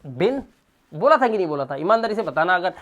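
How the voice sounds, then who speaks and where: A man teaching a spoken English lesson in Hindi. He talks straight to the viewer, spells words out letter by letter, and swings from quiet asides to loud, emphatic bursts. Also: sits high, sing-song, fairly quick, muffled recording.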